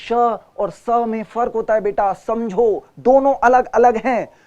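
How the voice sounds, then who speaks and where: A man teaching a theatre class, coaching students on posture, breathing and clear speech, often calling them beta and acting out examples. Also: very high-pitched, unhurried, dark tone, lo-fi sound. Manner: coaching, addresses students as beta, mixes Hindi and English.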